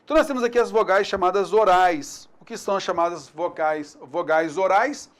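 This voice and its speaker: A man with a Brazilian accent teaching a video lesson, chatty and often checking in with the viewer, sounding out syllables slowly. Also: high voice.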